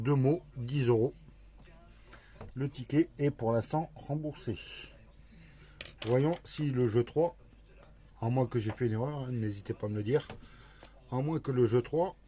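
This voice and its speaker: Scratching off a lottery ticket one letter at a time, a vlogger chats slowly to himself in a warm, medium-pitched voice.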